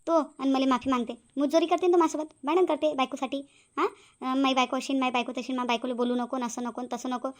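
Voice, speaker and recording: A woman's voice: high-pitched, steady tone, fast talker, close to an everyday voice. A woman voicing a quarrelsome middle-aged mother-in-law in a cartoon, nagging and accusing. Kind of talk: cartoon voice acting.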